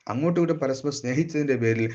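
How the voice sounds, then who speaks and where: A man teaching a classical devotional poem line by line, slowly chanting each verse and then explaining it briskly. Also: mid-range voice, a little mellow, muffled recording. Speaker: religious teacher.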